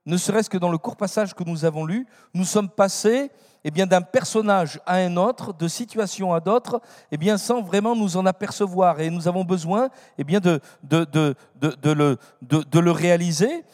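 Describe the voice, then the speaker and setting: A man preaching in a church, his voice on the high side for a man. He hesitates and restarts often between thoughts, then lifts his voice to read scripture aloud. A long hall reverb trails every phrase. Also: a little mellow. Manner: halting, many fillers and restarts, then reads scripture with lifted emphasis. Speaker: pastor. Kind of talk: sermon.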